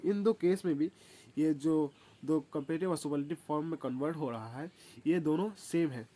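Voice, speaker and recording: A man explaining a grammar lesson in a casual way, pausing often with filler sounds and correcting himself, and reading the rules out slowly. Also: on the high side, dark tone. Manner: hesitant, many filler sounds and self-corrections; reads English rules slowly and deliberately. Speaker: English teacher.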